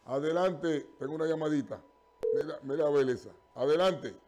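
Hosting a live call-in program on TV, an older pastor from Puerto Rico talks into a lapel mic in a studio. He has a fairly high, somewhat dark voice, and his halting delivery, thick with fillers and restarts, turns emphatic in bursts.

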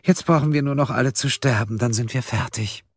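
A man voicing a deranged, gleeful woman kidnapper in an audiobook, with shrill giggling and sing-song menace. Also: a little fast, no echo, lightly acted. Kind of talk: audiobook character voice.

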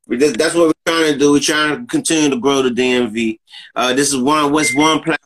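A man's voice: medium pitch, fairly even intonation, brisk, fairly bright tone, slight background noise, low-quality recording. A man hosting a casual livestream podcast, talking in a hyped-up way, repeating himself and stumbling over words. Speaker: podcast host. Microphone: phone camera.

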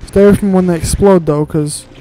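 A man's voice: high-pitched, steady tone, a little fast, dark tone, soft background music, rough recording. A man giving casual, grumbling let's-play commentary while he plays, with sarcastic asides and casual swearing.

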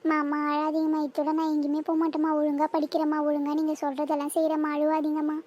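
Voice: high voice, completely flat delivery, fast, darkish tone, lightly acted. Voice actor doing a pleading cartoon village boy. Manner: pleading, apologetic. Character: sheepish young village boy, the son. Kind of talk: cartoon voice acting.

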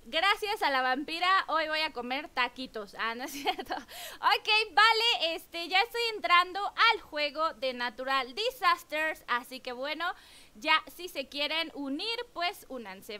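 A young Mexican woman chatting excitedly with her viewers while streaming a game, exclaiming and bubbly. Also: high-pitched, unhurried. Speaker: gaming streamer. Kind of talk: live-stream chat while gaming.

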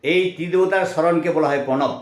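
A man teaching mantras, chanting them slowly and then explaining their meaning word by word. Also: a little high, echoey room. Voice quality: slow drawn-out chanting alternating with quick explanation.

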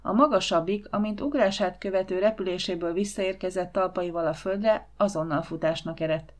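Woman, lowish voice, audiobook reader who voices the characters in the dialogue. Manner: acts out the dialogue with shifting voices. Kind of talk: audiobook narration.

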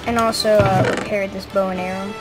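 A woman casually commenting on her own gameplay, mostly muttering and grumbling to herself, sometimes breaking into loud shouts. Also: medium pitch, flat delivery, a little fast. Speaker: gaming YouTuber. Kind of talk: casual let's-play commentary. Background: clear music.

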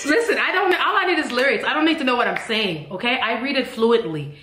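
High, animated woman reacting to music. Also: quick pace. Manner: chatty and animated, bursts into excited squeals and sings along. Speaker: reaction video host. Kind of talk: casual reaction commentary. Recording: echoey room with loud music playing.

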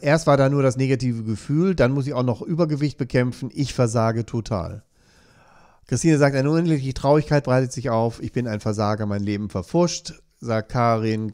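A man's voice: medium pitch, a little mellow. A man hosting a live coaching show, reading viewer comments aloud in an earnest way and often checking in with a questioning "ja?". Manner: earnest, keeps adding questioning "ja?" tags.

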